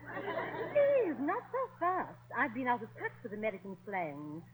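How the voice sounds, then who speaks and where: A woman's voice: a little high, wildly swooping pitch, a little slow. A dry-witted English lady. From England. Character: sharp-witted English lady guest, unimpressed. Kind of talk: 1940s radio comedy acting. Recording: noisy old radio broadcast.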